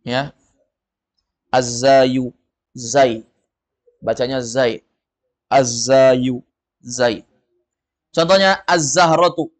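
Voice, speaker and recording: A man teaches an Arabic lesson to a group and has them repeat each word. His voice sits at an ordinary middle pitch. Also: extremely slow, pauses often. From of Padang descent. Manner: drills words, students repeat. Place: study room with a group.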